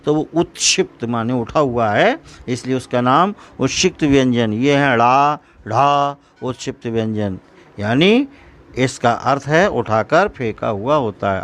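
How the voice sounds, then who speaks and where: A man teaching a school grammar lesson, explaining terms patiently and drawing out example sounds. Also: medium pitch. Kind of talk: slow classroom grammar lesson.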